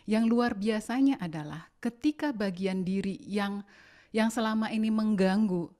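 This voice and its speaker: A woman hosting a seminar session, speaking in a polite, measured way. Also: mid-range voice, darkish tone. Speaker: session host. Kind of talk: seminar moderation.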